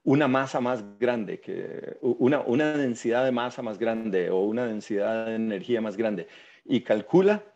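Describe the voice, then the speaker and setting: A man with a Costa Rican accent giving an informal science lecture, often tagging his sentences with "verdad?" and filling pauses with "este". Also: mid-range voice, a little mellow, dull audio. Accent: Costa Rican Spanish. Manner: tags sentences with "verdad?", many "este" fillers. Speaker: guest lecturer.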